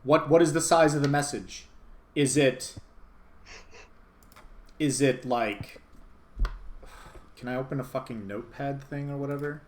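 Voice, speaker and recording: A man's voice: mid-range voice, measured pace, long pauses, a little hiss or hum. A man hosting a stream, commenting casually and analytically on a clip, swearing often and rambling. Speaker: streamer host.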